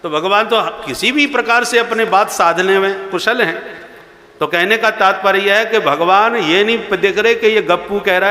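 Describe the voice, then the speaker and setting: A man telling a devotional story in a sermon, acting out the characters. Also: high voice. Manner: animated, acts out characters. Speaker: religious storyteller. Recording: echoey hall reverb.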